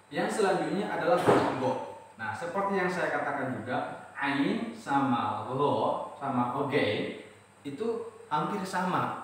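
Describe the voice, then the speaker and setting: An Indonesian man with an Indonesian accent explaining letters in a casual lesson, chanting recited verses slowly. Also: medium pitch, recorded from a distance. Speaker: Quran reading teacher. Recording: very echoey room, voice off-mic, faint noise.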